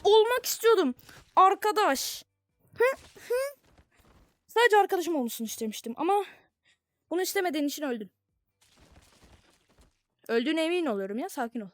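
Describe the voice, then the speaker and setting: A young woman streamer from Turkey talks through her virtual reality gameplay in a very high, lively voice. She teases the characters in a mock-friendly way and breaks into shouts. The sound is dry and close. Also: a little fast, long pauses, no echo. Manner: playful, mock-friendly taunting, bursts of shouting. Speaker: gaming streamer. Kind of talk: casual VR gameplay commentary.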